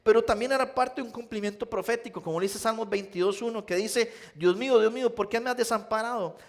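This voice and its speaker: High-voiced Nicaraguan pastor preaching. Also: male voice, quick pace. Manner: storytelling, addresses listeners as "usted", shifts between loud and hushed. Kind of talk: sermon.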